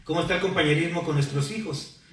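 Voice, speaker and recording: Speaking fast in a somewhat high, slightly bright voice, a male pastor preaches a sermon and questions the congregation to prompt their replies. It was recorded in a very echoey church hall with the mic far away.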